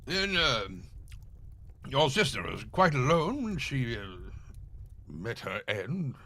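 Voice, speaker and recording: A man's voice: mid-range voice, sing-song, slow pace, bright, forceful tone, heavily acted. A man playing a bumbling, hesitant, genteel English doctor sidekick who stammers through a live radio mystery. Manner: dithering, stammering. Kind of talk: live old-time radio mystery acting.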